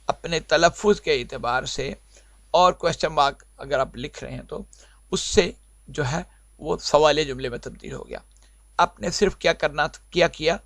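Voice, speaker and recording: Male language teacher, pitched a bit high, patient and repetitive, dry close-mic lesson recording. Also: fairly bright tone, dry recording. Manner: explains patiently, repeating points and asking himself questions. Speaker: English teacher.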